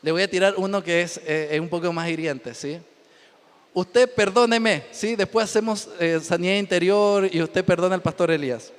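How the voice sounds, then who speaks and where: A pastor from Chile preaching a humorous sermon from the pulpit, joking, laughing often and repeating himself for emphasis. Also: male voice, sits high, moderate pace, smooth. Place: church pulpit. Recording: reverberant church hall.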